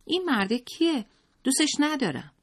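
The audiobook narrator voicing a spoiled little boy who whines and cries, in a high put-on voice. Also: very animated. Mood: resentful. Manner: high whining, crying. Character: spoiled whiny little boy, tantrum-prone.

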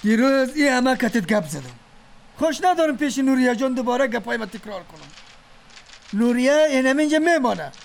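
Heavily acted, this performance has an Afghan Dari-accented actor voicing a bossy middle-aged father who runs a company, scolding and giving orders. The voice is extremely high and sing-song with vocal fry, and there's slight background noise.

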